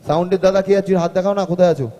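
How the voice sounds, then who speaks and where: A male singer from West Bengal chatting with the crowd and sound crew between songs, his voice booming back with heavy hall echo through the stage speakers. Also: fairly even intonation, racing. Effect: heavy cavernous hall echo. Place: large concert hall, live stage. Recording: booming echoey hall with loud live music.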